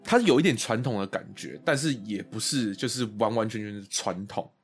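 A man's voice: fairly low pitch, expressive, a little fast, husky, faint music behind. A man co-hosting a podcast, rambling and hesitant in casual chat, with the odd swear word. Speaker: podcast co-host.

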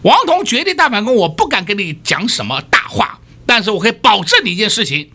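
A man's voice: high voice, sing-song, quick pace, pushed and bright. A man hosting a radio stock market show, talking emphatically and firing rhetorical questions at listeners. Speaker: stock market analyst host.

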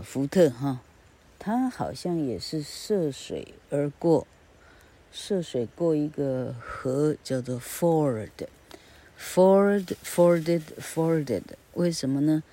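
Slow rambling woman teaching grammar. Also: sits low, mellow, slightly rough. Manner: spells words letter by letter, slow and rambling. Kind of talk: casual spoken lesson.

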